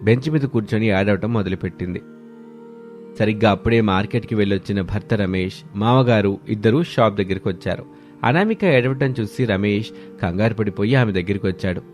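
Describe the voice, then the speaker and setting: A man narrating a cartoon story in steady, scripted storytelling. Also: on the low side, fairly quick, faint music behind.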